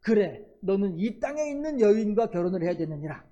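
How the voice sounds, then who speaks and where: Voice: mid-range voice, big pitch swings, a little fast, dark tone, lo-fi sound, lightly acted. A preacher voicing a solemn divine voice. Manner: solemn, archaic commands. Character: God, commanding male divine voice. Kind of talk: sermon storytelling.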